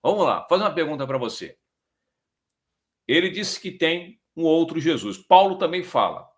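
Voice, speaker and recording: Brazilian male preacher, chatty Bible teacher, lively and expressive intonation. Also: on the high side. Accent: Brazilian Portuguese. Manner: conversational, frequent tag questions, slows down to read scripture. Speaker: preacher, program host.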